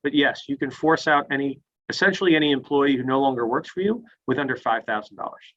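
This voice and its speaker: A man's voice: mid-range voice, fast, fairly bright tone, muffled recording. A man presenting a webinar and answering questions step by step, heard as screen-recorded online call audio. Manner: plain, step-by-step, starts sentences with "so". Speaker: webinar presenter on retirement plans. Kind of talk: explaining and answering audience questions.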